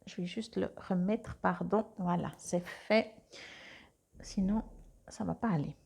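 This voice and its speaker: Slow, dark-voiced woman reading cards. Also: on the low side, gravelly, a little hiss or hum. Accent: Swiss French. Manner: hesitant, many "euh" and restarts. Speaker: tarot card reader. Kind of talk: casual monthly card reading. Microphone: clip-on mic.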